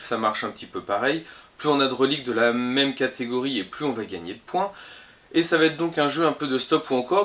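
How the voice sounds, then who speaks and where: A man's voice: mid-range voice, fairly bright tone. Chatty upbeat man presenting shop releases. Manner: chatty and upbeat, lots of hesitations and self-corrections. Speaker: game shop employee presenting new releases. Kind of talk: casual product roundup to camera. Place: board game shop.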